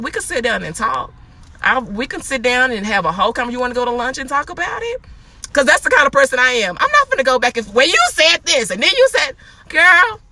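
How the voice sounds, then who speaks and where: A woman in casual spoken advice, chatty and animated, acting out quotes. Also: sits high. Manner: chatty, animated, laughs often, acts out quotes. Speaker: host.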